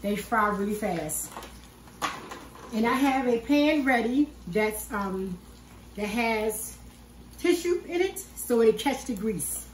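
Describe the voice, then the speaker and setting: An older woman, her voice a little high with lively intonation, takes her time and leaves long pauses; slight background noise is audible. She's hosting a casual cooking video, warmly explaining each step in her kitchen. Picked up by a far counter camera, the audio sounds roomy and distant.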